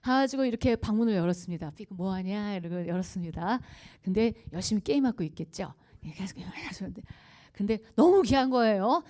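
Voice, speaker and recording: A woman speaks to a church congregation at a revival service, her tone mellow and warm. She lectures conversationally, spinning anecdotes and often turning to the audience with questions between light laughs. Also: medium pitch, lively intonation, fast talker. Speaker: guest speaker at a revival meeting.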